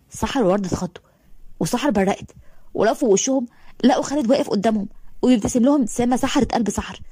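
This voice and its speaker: A woman narrates a romance story in Egyptian Arabic at a rapid clip. Her voice is warm and breathy, slightly high, recorded dry and close. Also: no room sound.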